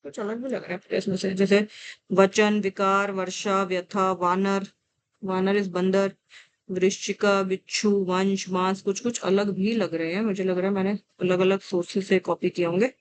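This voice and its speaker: Woman reading word lists slowly. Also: mid-range voice, little pitch movement, clear, resonant tone. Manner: reads word lists slowly, coaxing asides to students. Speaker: teacher. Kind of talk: exam-prep vocabulary lesson.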